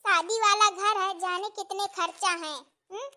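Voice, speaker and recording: A woman's voice: very high-pitched, fairly even intonation, normal speed, pushed and bright, heavily acted. A woman voicing a fussy, caring middle-aged mother-in-law in a cartoon story. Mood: coaxing. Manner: coaxing, fussing. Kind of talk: cartoon voice acting.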